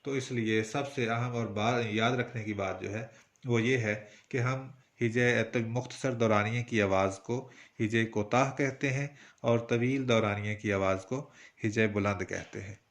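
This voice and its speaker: A man from Pakistan with a Punjabi accent, teaching Urdu poetry meter in a patient, explanatory way with frequent pauses. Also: medium pitch, fairly bright tone. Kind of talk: spoken lesson on Urdu verse meter.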